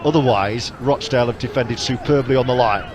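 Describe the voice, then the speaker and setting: Male match commentator, brisk live calls, crowd roaring at the stadium. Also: medium pitch, highs cut off. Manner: rises to shouts at big hits. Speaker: play-by-play commentator. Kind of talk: live rugby league commentary. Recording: crowd noise behind.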